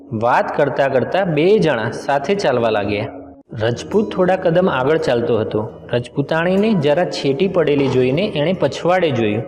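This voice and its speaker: A man's voice: on the high side, a little mellow. A man narrating a folk tale in a dramatic storytelling manner, voicing the characters' exclamations. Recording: echoey reverberant room with music behind.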